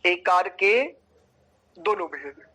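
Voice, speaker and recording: A man teaching Sanskrit pronunciation in an online class, slowly drawing out syllables and chanting verses. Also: high voice, lively intonation, bright, forceful tone, husky, poor audio. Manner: slow, deliberate, drawn-out chanting of syllables. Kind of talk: online class lecture with mantra recitation.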